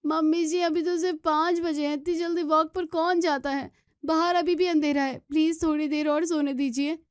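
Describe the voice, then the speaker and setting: A woman playing a high, pleading young daughter-in-law. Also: flat delivery, moderate pace, no room sound, clean studio sound, natural voice. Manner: pleading, defensive replies.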